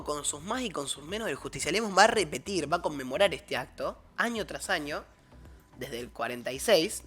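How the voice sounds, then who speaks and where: A man's voice: a little high, a bit bright. A man with an Argentine accent, a guest analyst explaining politics in casual discussion, often restarting and correcting himself.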